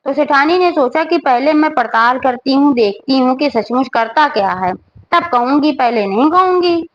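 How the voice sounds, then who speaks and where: A woman's voice: high-pitched, animated, normal speed, dull audio. A woman narrating a devotional folk story in a plain, homely way, with everyday fillers and asides.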